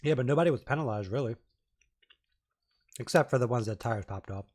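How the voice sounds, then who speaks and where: A man hosting a casual live stream, talking through a race in a measured, conversational way. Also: mid-range voice, expressive, a little mellow.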